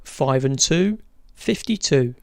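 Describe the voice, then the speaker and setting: A bingo caller announcing numbers in measured, formulaic set phrases. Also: medium pitch, animated, no room sound, studio quality.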